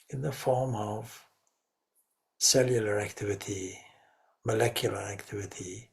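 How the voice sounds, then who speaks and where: A spiritual teacher with a lowish voice leads a guided meditation, speaking reverently in short, measured phrases.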